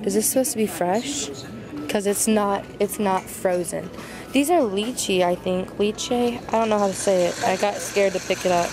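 A woman's voice: medium pitch, moderate pace, music in the background. Chatty young woman vlogging in a store. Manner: chatty, easily grossed out. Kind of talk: casual vlog chat. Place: large supermarket, indoors. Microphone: handheld camera.

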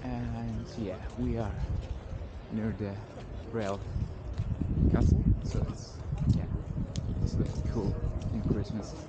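A young man, vlogging casually in halting short phrases while running outdoors. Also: lowish voice, level tone. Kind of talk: casual vlog to camera. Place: outdoors in a city square at night, on the move. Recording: muffled, loud outdoor wind and street noise.

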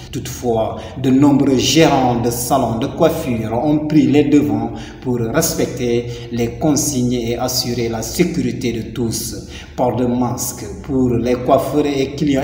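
A man's voice: medium pitch, mellow, a little hiss or hum. Male news narrator in an echoey room. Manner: measured newsreader delivery. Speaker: news reporter. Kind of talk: scripted voice-over narration. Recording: echoey voice-over with long reverb.

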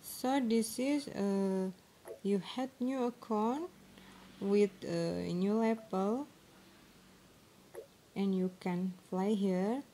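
Female tutorial presenter, broken English with halting phrasing, creaky and soft-toned, informal. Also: mid-range voice. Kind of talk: informal screen-recorded phone tutorial. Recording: noisy amateur phone screen recording.

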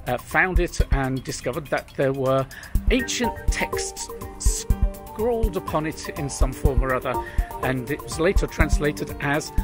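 Wry older British man vlogging. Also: fairly high pitch. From Britain. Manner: wry, chatty storytelling with dry asides. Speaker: travel vlogger. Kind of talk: travel vlog narration. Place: outdoors at historic sites and in a car. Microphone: camera held at arm's length.

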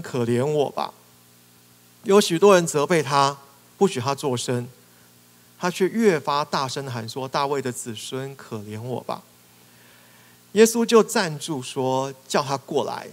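A male pastor preaching a sermon, animatedly acting out prayers and cries with rising emphasis. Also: mid-range voice. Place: church hall. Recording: reverberant church hall.

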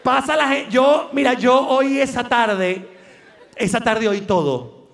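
A Venezuelan man doing live stand-up comedy, telling stories animatedly with a high, gravelly voice. He is recorded from a distance in a large, echoey venue with faint noise behind him. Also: slow, fairly bright tone.

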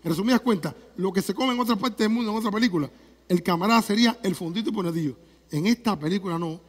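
A man with a Cuban accent doing a stand-up comedy monologue, telling the story with animated cries and sound effects. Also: high-pitched, quick pace, in a large hall.

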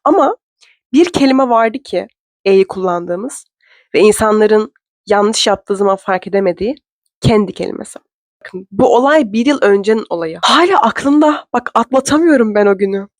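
A young woman from Turkey telling a story to camera in a chatty, fast, self-mocking way. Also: medium pitch, lively intonation, a little mellow, dry recording. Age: young adult. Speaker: vlogger. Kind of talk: casual storytelling vlog. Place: indoor room.

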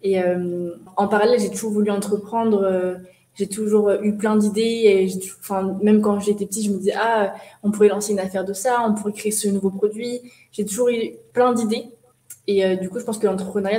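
A woman in her twenties from France, a guest entrepreneur answering interview questions over a video call in a hesitant way, with many pauses. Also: medium pitch, steady tone, warm tone, roomy sound. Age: 20s. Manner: hesitant, many fillers and restarts. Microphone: shared webcam on video call.

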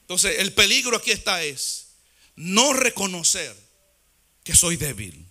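A man delivers a passionate sermon, his voice pitched high and strikingly bright. He shifts between plain exhortation and a chanting, sung rhythm as he preaches. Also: big pitch swings, measured pace. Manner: fervent preaching, chanting in a sung cadence at times. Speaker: pastor.

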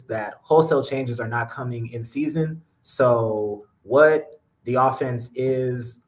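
A young man, a sports reporter, giving measured postgame analysis on a podcast over a video call. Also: medium pitch, poor audio. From Georgia, US. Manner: measured, explanatory, steady. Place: small indoor room. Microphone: webcam on a video call.

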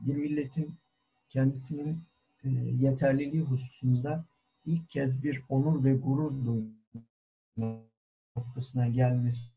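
A man who is a cultural historian giving a formal online talk, deliberate and full of hesitant fillers, heard over call audio. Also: mid-range voice, steady tone, gravelly, dark tone, slightly rough, highs cut off. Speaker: guest lecturer, cultural historian. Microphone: video call.

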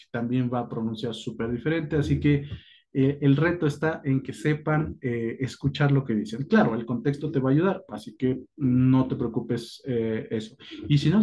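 A man teaching a French lesson in Spanish, calm and reassuring, slowing down to model each French word. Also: mid-range voice, dull audio, slight background noise. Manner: patient, reassuring, slows down to model French pronunciation. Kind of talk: online language lesson. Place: indoors at a whiteboard.

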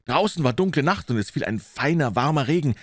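A man reading an old detective story aloud in the first person, with expressive delivery. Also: mid-range voice, brisk, no room sound, studio quality. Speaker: audiobook reader.

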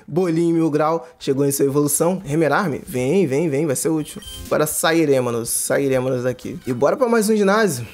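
A young man giving excited, slangy, casual commentary while playing a game. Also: a little high, normal speed, hardly any pauses. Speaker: gaming YouTuber. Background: game music.

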